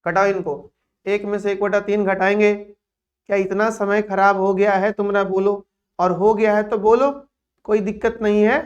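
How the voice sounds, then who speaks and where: Male math teacher, slow and playful, lo-fi sound. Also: high-pitched, little pitch movement. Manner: playful, teasing asides between calculations. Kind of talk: classroom lecture.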